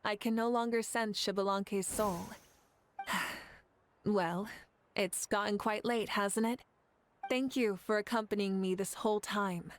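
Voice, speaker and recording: A woman playing a warm, composed, gracious leader and warrior in a video game. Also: mid-range voice, fairly even intonation, unhurried, a little hiss or hum, close to an everyday voice. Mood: calm, kind. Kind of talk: video game character acting.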